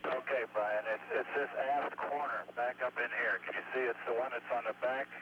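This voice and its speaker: An astronaut in orbit talking matter-of-factly over a breaking-up space radio downlink, explaining things step by step. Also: male voice, mid-range voice, steady tone, moderate pace. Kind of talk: live air-to-ground radio exchange. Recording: muffled, heavily hissing radio downlink.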